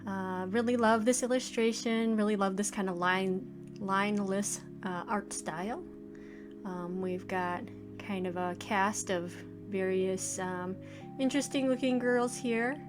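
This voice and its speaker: A woman in her forties, an indie game developer hosting a let's play, gives casual first impressions of a game, thinking aloud in hesitant, trailing phrases. Her medium-pitched voice stays steady and measured. Video game music plays behind her.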